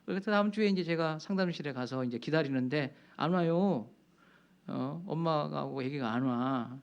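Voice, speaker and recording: A fairly high-voiced male pastor tells a story from the pulpit in a chatty, conversational way, often breaking in with short affirming interjections. The recording sounds dull and lo-fi. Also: moderate pace, creaky, smooth. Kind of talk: sermon storytelling.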